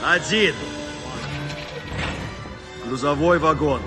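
A cold handler reciting words. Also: male voice, on the high side. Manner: slow, deliberate recitation. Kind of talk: film dialogue. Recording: film clip over loud music.

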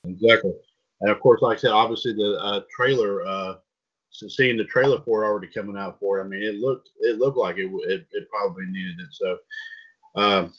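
A man's voice: on the low side, slightly rough. A man hosting a casual pop culture news podcast, reading headlines aloud and stumbling over names. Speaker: podcast host. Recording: dull lo-fi sound.

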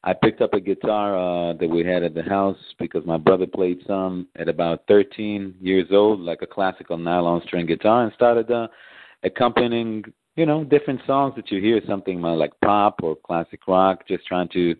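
A man from Israel, a guest musician, answering interview questions casually in a soft, halting way with many fillers. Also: low voice, no room sound. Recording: dry, tinny phone-like line.

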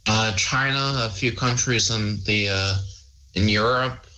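A man's voice: fairly low pitch, a little slow, noisy background. A man calling in to a chat show, giving brief, hesitant answers. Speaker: caller. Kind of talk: call-in chat.

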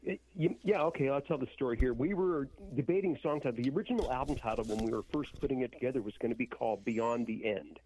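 A man's voice: medium pitch, fast talker, hardly any pauses, darkish tone. A man telling a story as a band guest in a casual interview, candid and acting out what people said. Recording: slightly dull, dry audio.

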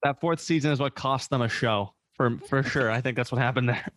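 A man hosting a casual podcast chat, excitable, swearing casually and laughing often. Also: mid-range voice, fairly quick, no echo. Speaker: podcast host.

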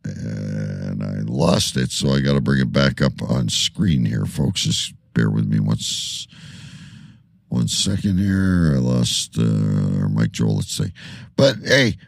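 A man with a very low, gravelly voice hosts a casual sports podcast. He rambles, restarts sentences and leans on fillers, while his pitch swings about. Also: very animated, slow, no room sound, studio quality. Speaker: podcast host.

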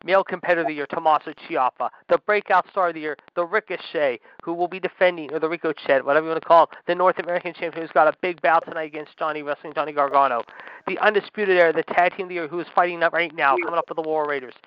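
A man co-hosting a radio show, calling wrestling play-by-play in an excitable, hyped way. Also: on the high side, racing, clear, resonant tone. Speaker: co-host and play-by-play commentator. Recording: dry, dull lo-fi radio audio.

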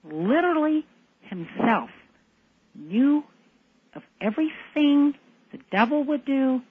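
A woman calling into a radio talk show, speaking in an intense, deliberate and defiant way. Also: high-pitched, sing-song. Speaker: caller. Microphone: phone. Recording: tinny phone line.

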